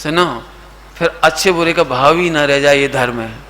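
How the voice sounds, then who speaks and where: A middle-aged man giving a sermon to a youth camp, asking his listeners questions, mixing in English words, and now and then slowly singing a line of verse. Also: on the high side, pushed and bright, a little hiss or hum. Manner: asks the audience questions and coaxes answers; sings verse lines slowly. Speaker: Jain preacher.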